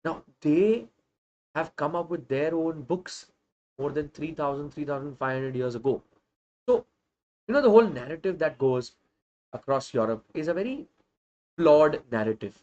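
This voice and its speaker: This thirty-something online teacher, North Indian in accent, drives home social science points in a live revision lecture and peppers it with Hindi phrases. He sounds expressive and a little mellow on the high side, speaking at a moderate pace with long pauses over dull audio.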